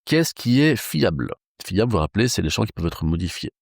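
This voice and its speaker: Guy doing a live coding tutorial, low gravelly voice, dry close mic, lots of euh and thinking out loud. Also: very animated, fairly quick, no echo. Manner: thinks aloud, casual, frequent fillers. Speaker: programming instructor.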